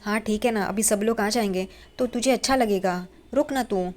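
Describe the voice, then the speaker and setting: A woman's voice: mid-range voice, normal speed, lightly acted. A woman voicing a cheeky young man who fancies himself an amateur detective, teasing and joking as he talks.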